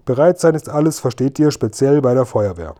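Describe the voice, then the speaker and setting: A pompous, bumbling village police sergeant, as a man voices him in a storybook reading. He blusters with self-important authority in a warm, mellow tone. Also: mid-range voice, lively intonation, fairly quick, lightly acted. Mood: blustering.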